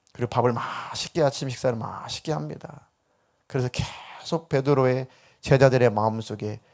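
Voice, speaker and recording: A middle-aged male pastor preaching a sermon with feeling, sometimes voicing gentle quoted words. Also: mid-range voice, vocal fry.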